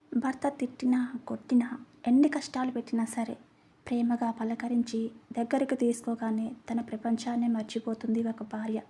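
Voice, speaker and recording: A patient husband in a narrated story, as a woman puts him on speaks gently and consoles his wife. The voice is mellow and breathy. It moves little in pitch. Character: caring middle-aged husband, patient and gentle.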